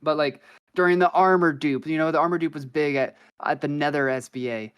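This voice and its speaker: A man's voice: a little high, fairly even intonation, a little fast, clear, resonant tone. Rambling young man telling gaming stories. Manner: rambling, filler-heavy, slangy. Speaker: podcast guest. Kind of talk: casual storytelling chat.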